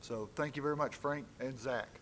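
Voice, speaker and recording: At a conference, a man opens a members' meeting with an off-the-cuff public address, friendly and lightly joking, into a stage microphone. His mid-range voice is brisk and a bit bright.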